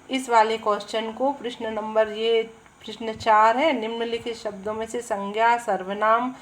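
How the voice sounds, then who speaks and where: A woman's voice: on the high side, fairly bright tone, poor audio. A woman teaching Hindi grammar. She explains with everyday examples, asks questions and answers them herself, and often checks in with "है ना". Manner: drawn-out, deliberate pacing with frequent "है ना" check-ins. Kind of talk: explanatory lesson.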